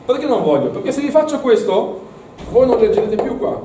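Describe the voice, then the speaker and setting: A man's voice: very high voice, big pitch swings, a little fast, noisy background. A man teaching an Arabic class to students, encouraging and repeating words, recorded from across an echoey classroom. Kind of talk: classroom lesson. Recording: echoey room, mic far off.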